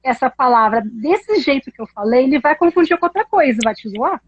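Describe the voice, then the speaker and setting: A woman, an English teacher explaining pronunciation in a casual chat, animated and laughing often. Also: high voice, a little fast, slightly rough, lo-fi sound.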